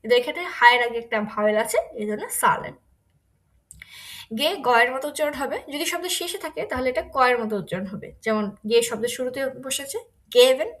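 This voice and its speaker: A woman teaching German pronunciation in an online lesson, saying each example word again, louder. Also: high-pitched, expressive. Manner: slow, repeats example words loudly.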